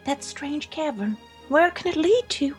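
A woman's voice: high voice, lively intonation, unhurried. A woman playing the Mole Man, an embittered, boastful male villain who gloats theatrically in an amateur comic-book radio play. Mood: bitter, grandiose. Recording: roomy echo with music behind.

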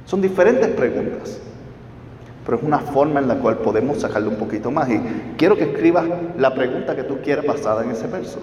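A man's voice: mid-range voice, animated, a little fast, a little mellow, a little hiss or hum. A man teaching a Bible study class, explaining step by step and checking in with his listeners through questions. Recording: roomy hall, distant mic, dull.

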